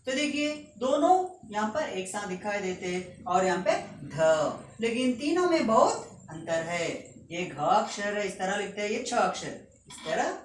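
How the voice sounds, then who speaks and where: Slow, echoey woman teacher reciting letters. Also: medium pitch, animated. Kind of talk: school lesson on letters. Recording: echoey room, distant mic, faint noise.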